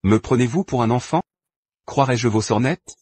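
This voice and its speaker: An actor playing a proud, vindictive middle-aged duke in a French drama dub, harsh and threatening in manner. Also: male voice, mid-range voice, moderate pace, darkish tone, husky, no echo, close to an everyday voice.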